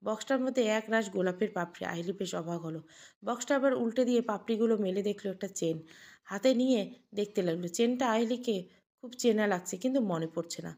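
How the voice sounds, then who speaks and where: A woman reading a romantic family audio story aloud in a steady, soft-spoken way. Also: mid-range voice, fast. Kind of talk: scripted audio story narration.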